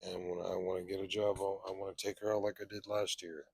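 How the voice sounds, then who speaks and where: A man's voice: sits low, little pitch movement, fast, gravelly, husky, no room sound. A young man hosting a podcast, chatting casually with lots of profane slang. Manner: laid-back, profane slang. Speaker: podcast host.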